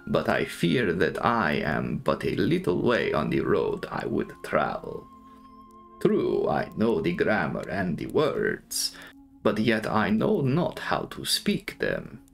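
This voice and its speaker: A man voicing a courtly, commanding Transylvanian count in an audiobook, speaking in formal, drawn-out, measured phrases with a sinister edge. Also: rumbling low, huge pitch swings, creaky, faint music behind, voice pushed down, full character voice. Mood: grave, proud. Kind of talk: dramatic audiobook character reading.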